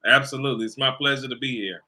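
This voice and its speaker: A man from Texas, a radio host, chatting as a guest over a call in a smooth, lively voice. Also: mid-range voice, quick pace. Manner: lively, chatty sports talk. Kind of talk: casual interview chat. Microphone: remote call.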